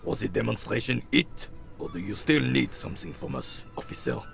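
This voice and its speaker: Bitter old man, heavy gravel and creak, swooping scornful delivery, video game character, music behind. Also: medium pitch, lively intonation, brisk, a bit bright. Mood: bitter, haughty. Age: older. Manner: scornful, biting, haughty.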